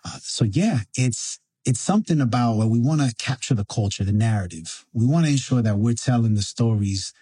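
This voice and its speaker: A man's voice: mid-range voice, expressive, brisk, few pauses, dark tone, husky. A man hosting a podcast in casual live chat, informally slipping Spanish phrases into his English. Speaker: podcast host.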